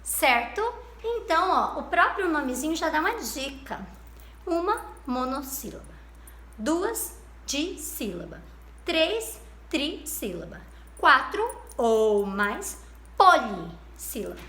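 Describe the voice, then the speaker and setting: A woman's voice: high voice, big pitch swings, slow, sharp tone. A woman teacher with a Brazilian Portuguese accent gives a lesson to young children. She is patient and sing-song, stretching out syllables and praising the class. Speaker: primary school teacher. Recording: roomy echo.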